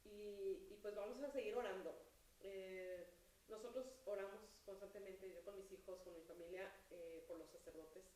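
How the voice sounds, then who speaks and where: A woman's voice: lowish voice, far from the mic. A middle-aged woman, hosting an interview and telling a personal testimony with lots of fillers. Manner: animated storytelling, many fillers. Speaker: host. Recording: echoey room with faint hiss.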